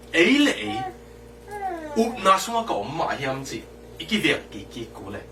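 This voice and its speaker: Male pastor preaching, slightly high voice, recorded from a distance. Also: pushed and bright. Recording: distant mic with faint background noise.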